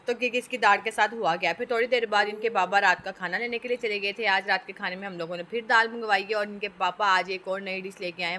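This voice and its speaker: Bright-voiced chatty young mother. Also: medium pitch. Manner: chatty, rambling, talks to viewers directly. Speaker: mother and family vlogger. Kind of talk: casual vlog narration.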